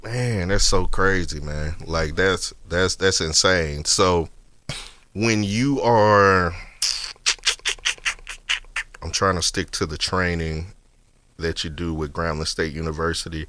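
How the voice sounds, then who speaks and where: A man hosting a casual podcast interview, talking in a relaxed, conversational way with lots of "you know what I mean". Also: low-pitched, takes it slowly, long pauses, dry recording. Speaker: podcast host.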